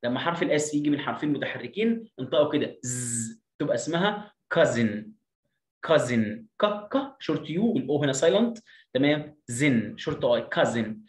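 A man with an Egyptian Arabic accent teaching an English lesson, repeating words slowly to drill their pronunciation. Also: mid-range voice, lively intonation. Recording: roomy echo.

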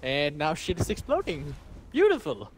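Slow deadpan man. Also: mid-range voice, slight background noise. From Denmark. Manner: deadpan, gloomy dark humor. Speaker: co-player. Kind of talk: casual gameplay chat.

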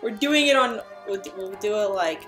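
A woman's voice: medium pitch, lively intonation, moderate pace. A woman playing a video game and commenting casually, crude, joking and rambling as she goes. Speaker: game player. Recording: echoey room with game music.

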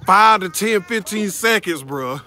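A man's voice: high voice, expressive, a little slow, a crowd in the background. A man in his thirties chatting casually as a prankster host, slangy and swearing, into a phone. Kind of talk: casual vlog chat.

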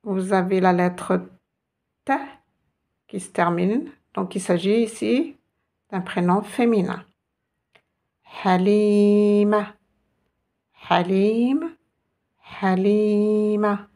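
A woman teaching an online language lesson, slow and patient, often repeating sounds for her students. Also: medium pitch, fairly even intonation, gravelly, darkish tone. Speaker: Arabic teacher.

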